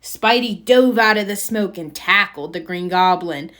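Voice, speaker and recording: A woman with a medium-pitched voice reads a children's storybook aloud, phrasing each line expressively and deliberately.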